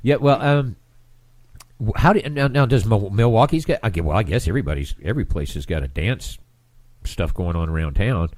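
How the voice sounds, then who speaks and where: A man's voice: lowish voice, expressive, a little fast, a little mellow, no room sound. A male radio host with a stuffed-up nose, chatting in a rambling way and often restarting his phrases. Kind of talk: casual radio interview.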